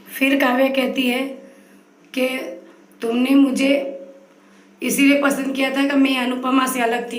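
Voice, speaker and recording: A woman casually retelling a TV serial episode, reading the characters' lines in a flat, even voice with frequent stumbles and restarts. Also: on the high side, a little hiss or hum, rough recording. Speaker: channel host recapping a TV serial. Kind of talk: casual spoken episode recap.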